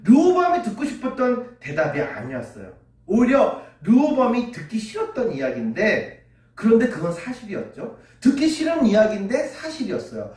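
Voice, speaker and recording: Guy doing a kids sermon, high lively voice, echoey church, kinda far from the mic. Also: a little fast. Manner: animated, acts out quoted voices, asks children questions. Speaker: children's pastor. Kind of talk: children's sermon storytelling. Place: church sanctuary.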